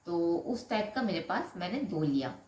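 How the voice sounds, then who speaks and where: A woman from Raipur, India, telling a personal story to camera in an animated, dramatic way, acting out what people said. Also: on the low side, normal speed. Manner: animated, dramatic storytelling that acts out quoted lines. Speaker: storyteller vlogger. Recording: echoey room.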